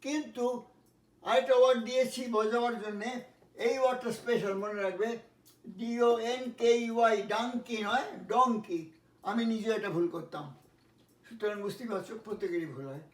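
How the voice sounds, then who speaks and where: A man teaching English pronunciation, spelling words letter by letter and repeating each one slowly. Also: high voice, recorded from a distance. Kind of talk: pronunciation lesson. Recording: echoey room, voice from off-mic.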